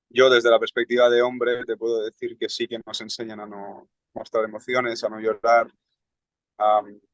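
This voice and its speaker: A man's voice: medium pitch, dry recording, poor audio. A man, a guest in a casual conversation, talking in a reflective way and thinking aloud.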